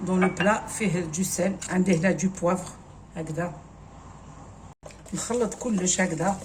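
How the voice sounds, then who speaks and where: A cooking channel host with an Algerian accent casually walks viewers through a recipe step by step, slipping French words into her speech. Her voice is on the low side, and the background is noisy.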